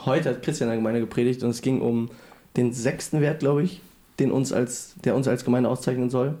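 Young man with roomy, mellow voice. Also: medium pitch, fairly even intonation, fairly quick. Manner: enthusiastic, youthful slang. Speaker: podcast co-host.

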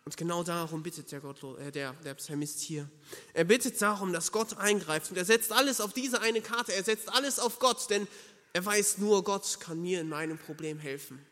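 Earnest, high-voiced male preacher. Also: normal speed, bright, forceful tone, big-room sound. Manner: earnest, emphatic, addresses listener directly. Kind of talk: sermon.

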